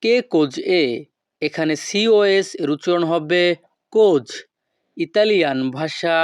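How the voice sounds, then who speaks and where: A man teaching short phrases in a slow lesson, repeating each one syllable by syllable. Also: a little high, clean tone, dry recording. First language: Bengali. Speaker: language teacher.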